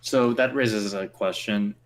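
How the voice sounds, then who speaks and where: A man's voice: fairly low pitch, fairly even intonation, takes it slowly. A young man co-hosting a podcast, chatting casually and rambling with lots of fillers. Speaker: podcast co-host. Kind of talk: casual chat.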